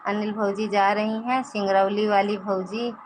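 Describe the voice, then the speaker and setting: A woman's voice: mid-range voice, level tone, a little slow, slight background noise, rough recording. A woman with an Awadhi accent chatting casually on a live stream, reading out viewers' comments and teasing them. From Pratapgarh, Uttar Pradesh, India.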